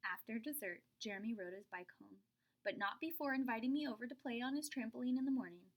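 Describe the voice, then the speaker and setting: Woman storybook reader, slightly high voice, animated read-aloud with hushed asides. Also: fast. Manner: expressive, drops to whispers for suspense, pitches up for a child's voice. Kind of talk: reading a picture book aloud.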